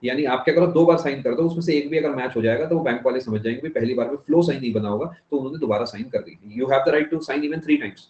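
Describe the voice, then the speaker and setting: A man's voice: mid-range voice, fast, hardly any pauses, a little mellow. A man teaching an economics class, explaining step by step, slipping into English phrases and checking if students follow. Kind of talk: classroom lecture. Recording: dull, echoey classroom recording.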